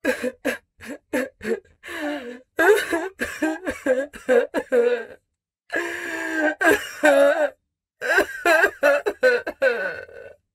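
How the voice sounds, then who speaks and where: A woman's voice: high voice, extremely slow, pauses often, fairly bright tone, heavily acted. A woman voicing a vain, competitive animatronic wolf rock star in a video game, boastful and taunting, with a menacing and insecure edge. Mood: wounded, whiny. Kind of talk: video game character voice acting.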